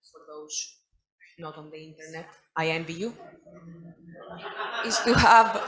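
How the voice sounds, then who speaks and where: A young woman giving a prepared speech as a conference panelist over a video call, brisk with wry asides. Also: mid-range voice, a bit bright, rough recording. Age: young adult.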